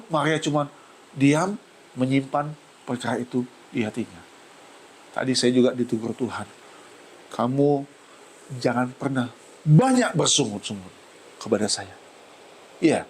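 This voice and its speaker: A man preaching a heartfelt church sermon, his voice climbing high when he is moved and sounding tearful. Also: breathy edge, low-quality recording. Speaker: pastor. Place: church service.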